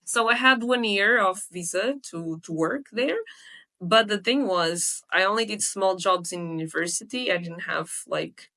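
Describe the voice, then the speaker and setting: A young woman from Portugal, a sales hiring expert, telling her story in a lively, conversational interview with many fillers. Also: mid-range voice, unhurried. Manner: lively storytelling with frequent fillers and self-corrections.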